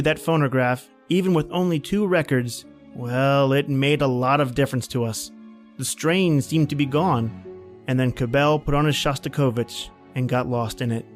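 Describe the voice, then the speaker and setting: In a natural, mid-range voice, an actor portrays a plain-spoken man stationed at a snowbound outpost. He tells his story in a folksy, conversational manner reminiscent of old-time radio.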